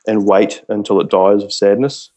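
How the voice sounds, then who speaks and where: A man's voice: on the low side, level tone, moderate pace, darkish tone. Man with a broad Kiwi accent. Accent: broad New Zealand. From New Zealand. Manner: laid-back, slangy, jokey. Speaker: podcast guest, spearfisher. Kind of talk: casual interview chat.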